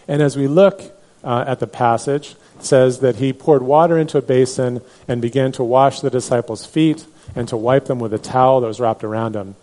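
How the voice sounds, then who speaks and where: A man's voice: medium pitch, mellow. A man teaching a Bible class in a conversational way, with many fillers and restarts. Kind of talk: Bible study lecture.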